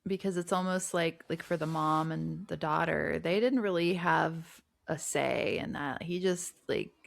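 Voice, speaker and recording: A woman's voice: low-pitched, unhurried, gravelly. A woman co-hosting a podcast, chatting casually and making wry jokes. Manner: wry, joking. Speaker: podcast co-host. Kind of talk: casual chat.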